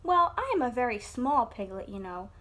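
A woman's voice: fairly high pitch, sing-song, normal speed, sharp tone, exaggerated voice. A woman voicing a clever, cheeky little male piglet in a storybook, sweetly sly with a squealing edge.

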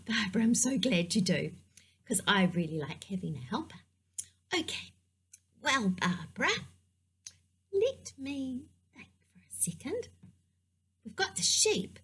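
A woman leads a preschool puppet-show lesson in a playful, sing-song manner. Her voice sits high and swoops widely, and she speaks slowly and gently for small children. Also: slightly rough. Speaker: preschool teacher.

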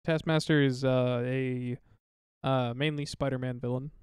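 Smooth-voiced playful movie commentator. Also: mid-range voice, steady tone, unhurried, a little mellow, dry recording, clean studio sound. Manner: playful, joking. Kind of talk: casual movie commentary chat.

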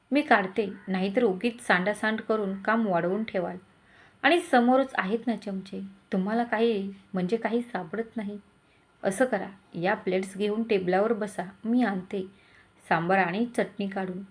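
A woman's voice: medium pitch, normal speed, natural voice. A woman voicing a caring older mother-in-law, speaking in a bossy yet tender way.

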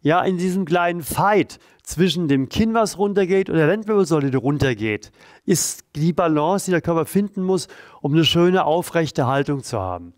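A man with a fairly high voice walks a partner and the viewers through stretches, calm and encouraging as he does the moves himself. The sound is dry and close, with little room around it. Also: moderate pace, no echo. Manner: calm, encouraging, talks while doing the moves. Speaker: therapy coach leading exercises. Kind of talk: guided exercise instruction.

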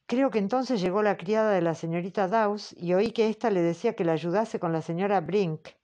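Timid young female witness, soft and hesitant; voiced by a woman audiobook reader. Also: medium pitch, a little fast, natural voice. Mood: fearful. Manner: hesitant, soft, answers briefly. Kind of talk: audiobook character reading.

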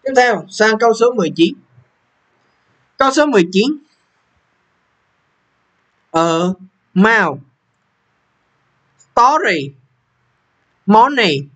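In this exam walkthrough lesson, a young man with a high, fairly bright voice guides his students through an English test. He says each question number again and makes sure the class keeps up.

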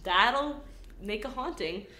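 A young woman co-hosting a podcast, reacting with playful jokes and quick asides. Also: medium pitch, animated, pushed and bright. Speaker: podcast co-host. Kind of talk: casual chat. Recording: roomy recording with faint noise.

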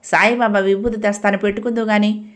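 A woman's voice: mid-range voice, level tone, quick pace, close to an everyday voice. A woman voicing a caring middle-aged mother-in-law who speaks in a soothing, concerned way.

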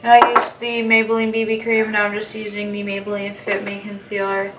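A woman's voice: medium pitch, monotone, fairly quick, noisy background. A young woman talking casually through the makeup products she is putting on. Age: young adult. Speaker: makeup artist guest. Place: small room indoors, seated at a table. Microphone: camera a few feet away. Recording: distant mic, music behind, clinking.

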